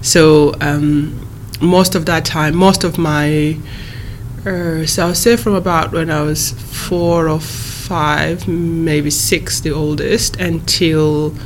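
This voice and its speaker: A woman in her thirties who grew up in East Africa, a guest answering interview questions in a measured, careful way with frequent pauses and restarts. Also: low voice, steady tone, slight background noise. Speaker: guest, human rights advocate.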